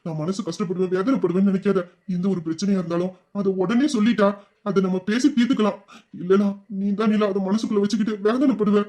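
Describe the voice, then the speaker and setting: A man's voice: sits high, steady tone, quick pace, warm tone, close to an everyday voice. A man voicing a loving young husband in a romantic audio drama, speaking in an earnest, reassuring and teasing way.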